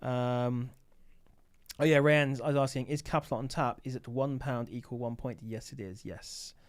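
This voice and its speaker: A man's voice: medium pitch, steady tone, normal speed. Tired man rambling on a livestream. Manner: rambling, filler-heavy, thinking aloud. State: tired, sleepy. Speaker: livestream host, Amazon seller. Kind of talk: casual livestream chat.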